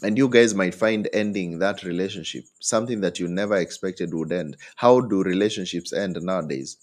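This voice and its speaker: A man giving relationship advice, his speaking voice sitting on the low side. He talks animatedly and acts out both partners in an argument, jumping high in pitch for their lines. He keeps the audience with him through frequent "hmm?" and "eh?" checks. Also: normal speed. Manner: tag questions like "hmm?" and "eh?".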